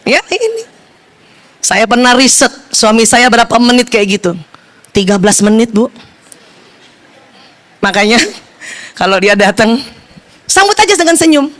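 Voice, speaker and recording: A middle-aged woman giving a playful, animated seminar talk on marriage, speaking straight to her audience in a hall. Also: high-pitched, normal speed, long pauses. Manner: playful, animated storytelling that addresses the audience directly.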